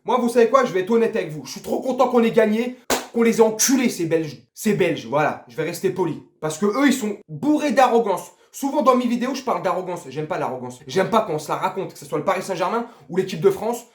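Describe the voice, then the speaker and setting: A man's voice: sits high, echoey room. A man ranting casually and with profanity about a football match, talking straight to his viewers. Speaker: football vlogger. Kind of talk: casual post-match rant.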